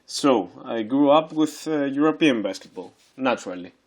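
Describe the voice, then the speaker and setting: A man's voice: mid-range voice, lively intonation, moderate pace. A man in his twenties from Greece, hosting a casual solo podcast, who talks with many fillers and restarts. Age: 20s. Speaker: podcast host.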